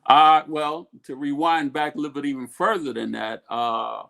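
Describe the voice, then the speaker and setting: Gravelly middle-aged man, rambling talk. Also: fairly high pitch, moderate pace, a bit bright. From Ethiopia. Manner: rambling, restarts and fillers. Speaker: guest, food company co-owner. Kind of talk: casual interview talk.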